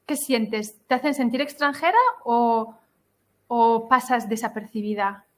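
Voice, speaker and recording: A woman's voice: on the high side, steady tone, unhurried, a little mellow. A woman hosting a podcast interview, asking long questions and giving frequent affirmations. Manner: attentive, asks long questions, affirms often. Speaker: podcast host, Spanish teacher. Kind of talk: casual conversational interview.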